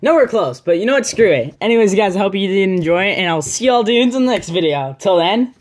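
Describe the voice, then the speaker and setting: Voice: medium pitch, lively intonation, quick pace. A casual vlogger rambling through a computer desk setup, filmed on a phone in a small room. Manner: rambling, chatty, trails off mid-sentence. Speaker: channel host. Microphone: phone camera.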